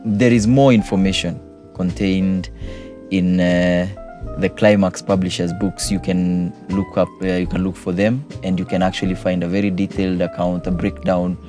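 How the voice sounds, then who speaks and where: Mellow-voiced teacher explaining. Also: male voice, deep voice, level tone, moderate pace, faint music behind. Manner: patient, explanatory, repeats key points. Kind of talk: exam revision explanation.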